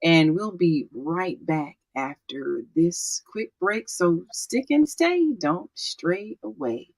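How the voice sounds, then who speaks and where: A woman's voice: fairly low pitch, lively intonation, darkish tone. A woman hosting a radio talk show, speaking emphatically and affirming what her guests say. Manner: emphatic, affirming, quickens at breaks. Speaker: radio host.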